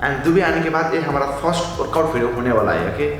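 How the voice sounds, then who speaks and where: A man's voice: a little high, expressive, fast talker. A man talking casually to camera as a fitness vlogger, his voice echoing like in a cave from a bare home gym with a camera set down nearby. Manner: chatty, talks straight to the camera while setting up. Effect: cave-like echo from a bare room. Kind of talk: casual workout vlog. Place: small home gym with a storeroom, bare walls. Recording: echoey bare room, long reverb, faint music.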